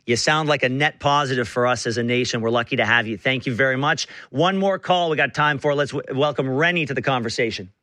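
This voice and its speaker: A man hosting a radio call-in show, talking in halting bursts full of restarts. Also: mid-range voice, pushed and bright, dry recording. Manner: halting, many restarts and fillers.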